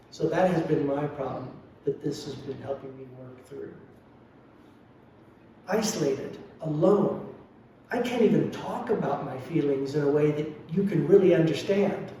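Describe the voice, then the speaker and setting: In a very echoey hall, captured by a faraway mic with slight background noise, a man gives a dharma talk as a lay Buddhist. He sounds warm and fairly high, reflective and confessional, with a wry sense of humor.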